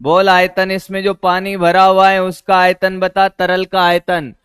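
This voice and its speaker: A man's voice: high voice, monotone, unhurried, a bit bright, clear, resonant tone, no echo. A male physics teacher lecturing a class, repeating questions to his students and calling them "beta".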